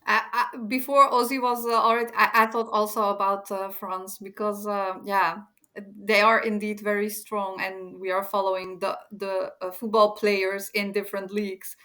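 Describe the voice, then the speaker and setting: A woman explains immigration rules hesitantly, with many pauses and fillers. Her tone stays flat and level. She speaks at a middle pitch. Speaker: immigration lawyer guest. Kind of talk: explanatory interview answer.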